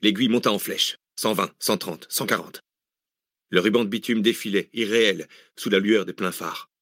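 Low-voiced man narrating an audiobook. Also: dry recording, studio quality. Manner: measured, steady reading.

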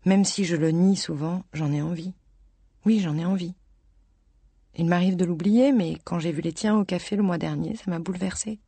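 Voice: mid-range voice, normal speed, warm tone, breathy edge, no room sound. A reader voicing a wistful woman in her thirties in love with a married man, in a rueful, self-mocking, confiding audiobook reading.

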